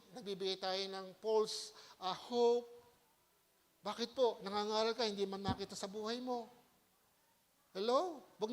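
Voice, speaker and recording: A male pastor preaching a lively sermon in church, often checking his listeners with a rhetorical "Hello?" and swinging between loud exhortation and quiet asides. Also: sits high. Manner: animated, keeps asking the congregation "Hello?".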